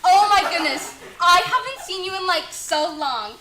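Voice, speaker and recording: A woman's voice: sits high, expressive, normal speed, a crowd in the background. A woman playing a vain, dramatic young sorceress who is an ex-fiancée, whining and pleading over the top in an amateur comedy skit. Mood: whiny pleading. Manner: valley-girl whiny pleading, over the top. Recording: roomy echo, faint noise.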